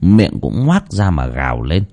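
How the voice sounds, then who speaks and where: A man narrating a horror story audiobook in a dramatic, expressive storytelling manner. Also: low-pitched, measured pace.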